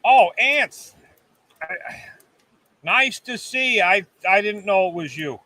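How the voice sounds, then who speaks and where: A man with a high, bright voice hosts a relaxed live chat from a cabin. He talks loosely to his viewers and reads their comments aloud as they come in. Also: slow pace, far from the mic, low-quality recording. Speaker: livestream host.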